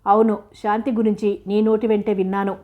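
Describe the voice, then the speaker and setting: A woman's voice: medium pitch, level tone, brisk, phone-quality sound, lightly acted. A woman voicing a feverish, jealous young woman who speaks reproachfully. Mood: bitter. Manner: reproachful, accusing.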